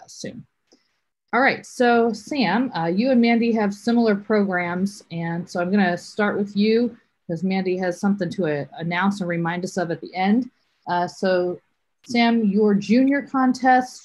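A young woman with a lowish voice hosts a livestream over a video call from an office. She talks in a chatty way, often pausing on fillers before she hands over to the next guest. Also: darkish tone. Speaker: host.

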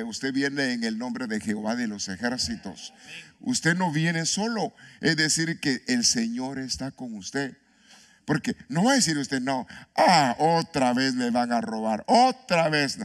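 Pastor guy preaching in church, voice jumps all over, asks the crowd stuff. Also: mid-range voice. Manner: animated preaching, rhetorical questions to the congregation. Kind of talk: sermon.

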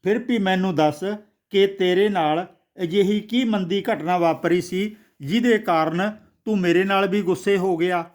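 A man voicing a gentle, humble male scholar who speaks with love and sorrow in a storybook. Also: high-pitched, unhurried. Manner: soft, loving and humble.

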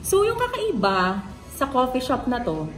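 A woman's voice: sits high, wildly swooping pitch, measured pace, reverberant, soft background music. Chatty woman through a face mask. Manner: chatty, upbeat, mixes English in. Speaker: vlogger. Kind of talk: casual food review vlog. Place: small cafe indoors.

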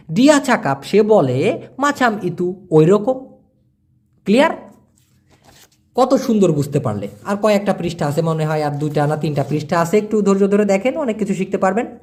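A man giving a casual language lesson, explaining slowly and repeating words as he breaks them down. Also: high-pitched, a little mellow. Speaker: language teacher.

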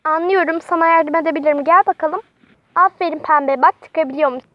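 A woman's voice: sits high, fairly even intonation, a little fast, dry recording, close to an everyday voice. A woman voicing a kind, patient schoolteacher in a toy doll play, speaking in a soothing, motherly way. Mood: calm. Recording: dull lo-fi home recording.

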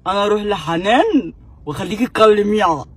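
A young man with an Egyptian accent makes a prank call in a high, husky voice. He pleads and whines melodramatically, stretching his words out. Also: lively intonation, fast talker, fairly bright tone, no echo. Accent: Egyptian Arabic. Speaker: prank caller.

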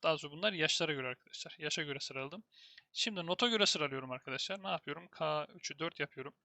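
A man with a fairly high, bright voice and a gravelly edge, talking through a terminal tutorial step by step. He thinks aloud as he types and keeps turning to the viewers. The sound is dry and close, with no room around it. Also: fast talker, dry recording. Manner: thinks aloud while typing, keeps addressing viewers as "friends". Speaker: programming instructor. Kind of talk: screen-recorded terminal tutorial.

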